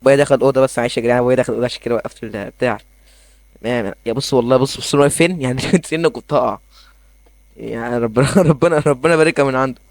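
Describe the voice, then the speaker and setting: A young man with an Egyptian accent giving excitable, rambling commentary as he plays a game in his bedroom. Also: medium pitch, dry recording. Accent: Egyptian Arabic. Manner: excitable, rambling, quick asides. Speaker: gaming YouTuber. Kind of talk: casual gameplay commentary.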